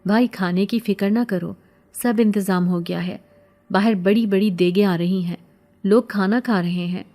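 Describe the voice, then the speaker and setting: A woman's voice: mid-range voice, fairly even intonation, warm tone, lightly acted. A woman voicing a plain-spoken, reassuring neighbour man in a storybook.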